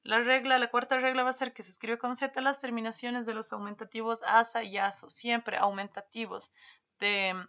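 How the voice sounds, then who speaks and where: Woman teacher going over spelling rules, slightly high voice, drawn-out example words, dull lo-fi sound. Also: flat delivery, pushed and bright. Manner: stretches words slowly to show their spelling. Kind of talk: spelling lesson.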